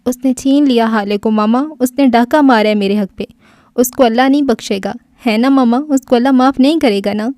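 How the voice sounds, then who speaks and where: A woman voicing a fragile, volatile young man who is crying, pleading and shouting in despair. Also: fairly high pitch, no room sound, studio quality, close to an everyday voice. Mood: frantic grief. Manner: sobbing, pleading, frantic.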